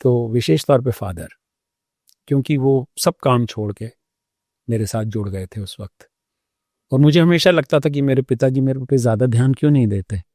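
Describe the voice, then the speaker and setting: With frequent pauses and a reflective air, a doctor recounts his personal story during an interview. His voice is warm, mellow and medium-pitched, captured in a close, dry recording with no audible room.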